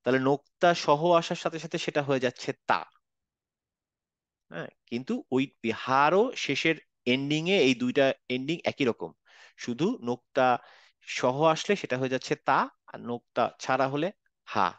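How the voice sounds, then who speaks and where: A man's voice: mid-range voice, moderate pace, pauses often, a bit bright, no echo. A man teaching Quran letter pronunciation in an online class, patiently saying each sound over and over. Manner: patient, demonstrates sounds by repeating them.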